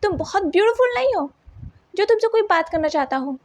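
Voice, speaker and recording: A woman's voice: very high-pitched, animated, a little fast, a little mellow. A woman doing a sneering overprotective young man. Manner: mocking, sneering. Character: rude overprotective young male friend.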